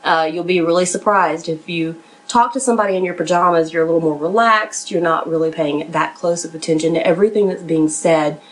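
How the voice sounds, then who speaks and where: On her podcast, a professional resume writer and interview coach talks fairly quickly in a lowish voice, giving listeners instructional tips in a direct, conversational way. Her tone is encouraging yet a bit nervous, and the audio quality is poor.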